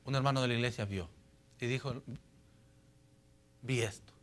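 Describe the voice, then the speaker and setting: Male preacher, sermon delivery with loud emphatic readings and quiet storytelling. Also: quick pace. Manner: swings from loud emphatic scripture reading to low confiding storytelling.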